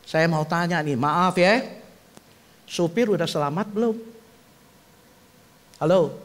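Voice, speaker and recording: An older pastor, preaching in a church with a fairly high voice for a man. He keeps it chatty and asks the congregation direct questions. Then he swells into loud, emphatic bursts. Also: slow. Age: 70s. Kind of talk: sermon. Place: church building.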